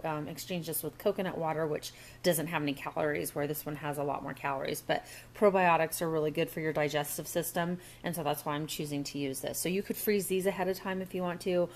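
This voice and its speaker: A cooking vlogger with a low-sitting voice chats her way through a recipe step by step at her home counter. It's a casual kitchen demo captured on the camera mic, with a little hiss or hum.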